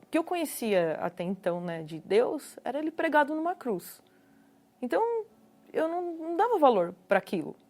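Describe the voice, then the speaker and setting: A Brazilian woman with a Brazilian Portuguese accent shares her personal testimony in an earnest way. Her voice sits a little on the high side. She often repeats words to stress a point. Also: very animated, fairly quick, darkish tone. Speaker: guest giving a personal testimony.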